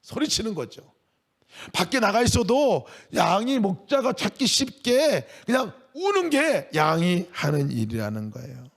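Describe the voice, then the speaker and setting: A middle-aged man preaches at a church prayer service with a high, lively voice that leaps up and down in pitch. He moves from soft, quiet explanation to raised, emphatic cries. His delivery is heartfelt and insistent. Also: a little slow, gravelly. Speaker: pastor. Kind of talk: sermon.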